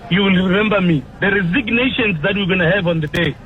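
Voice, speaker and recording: A man's voice: high voice, fast. A man calling in to a radio show to give his opinion, insistent and repeating himself, laughing easily. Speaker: radio caller. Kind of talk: phone-in opinion. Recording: tinny phone line with faint noise.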